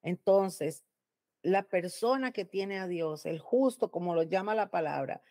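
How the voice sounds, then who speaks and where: A woman's voice: fairly low pitch, a little slow, dark tone, no echo, studio quality. A middle-aged woman pastor with a Costa Rican accent, preaching emphatically at home. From Costa Rica. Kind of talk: home Bible teaching sermon.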